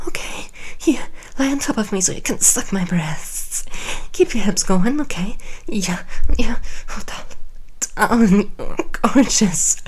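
A woman plays a seductive, commanding queen in an intimate audio roleplay, speaking breathily and whisperingly in a teasing way. Her voice sits on the low side with a darkish tone and is heavily acted.

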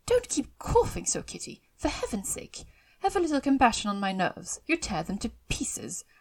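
A woman voicing a fretful, self-pitying, excitable middle-aged mother in an audiobook of a classic novel, with emphatic, complaining delivery. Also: medium pitch, brisk. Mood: resentful, scolding.

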